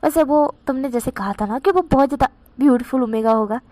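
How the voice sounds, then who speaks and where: A woman voicing a confident, protective young man who teases and questions gently. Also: high voice, fast, no echo, natural voice. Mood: gentle.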